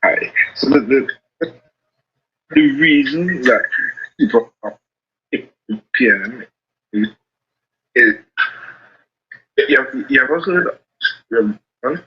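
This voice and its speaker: A man calling in to a talk show over a choppy internet phone call that keeps breaking up, speaking haltingly and repeating words. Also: mid-range voice, lively intonation. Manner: halting, repeats words while finding his point. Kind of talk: casual call-in chat. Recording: tinny, dropping-out phone line.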